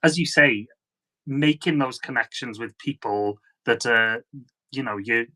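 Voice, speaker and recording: A man hosting a spiritual conversation over a video call, warmly affirming his guest. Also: mid-range voice, unhurried. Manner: warmly affirming, often agrees. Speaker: host.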